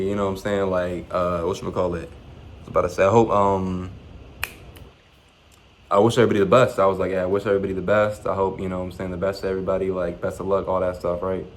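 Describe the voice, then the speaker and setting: Young guy vlogging fast, low voice, cussing and slang, acting out convos, little bit of room hum behind. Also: poor audio. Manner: animated, profane, slangy retelling with quoted dialogue. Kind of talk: casual storytelling.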